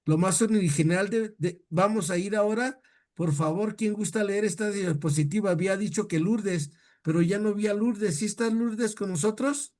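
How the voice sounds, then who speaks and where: Chatty high-voiced Mexican man teaching. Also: normal speed, darkish tone. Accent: Mexican Spanish. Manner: chatty, repeats words, tells jokes, asks "¿sale?". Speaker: teacher leading a Bible class. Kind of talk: informal religious lesson.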